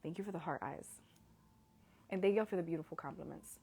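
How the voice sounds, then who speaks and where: A woman's voice: lowish voice, brisk, warm tone, slightly rough. A woman in her thirties hosting a live stream, talking earnestly and sometimes dropping to a whisper while holding back tears. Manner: heartfelt, earnest, drops to whispers when moved. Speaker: host of an Instagram Live. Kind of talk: emotional casual live stream talk.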